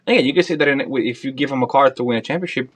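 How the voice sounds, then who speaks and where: A man's voice: medium pitch, very fast, fairly bright tone. A man co-hosting a podcast in casual chat, emphatic and repeating his points for stress. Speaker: podcast co-host.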